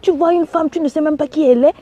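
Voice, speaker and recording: A woman from Africa giving animated, scolding sermon-style relationship advice, acting out quoted exchanges and pressing her listeners with rhetorical questions. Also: high-pitched, fast talker. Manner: animated, scolding, acts out quoted dialogue, frequent "hein?". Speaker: relationship coach and preacher.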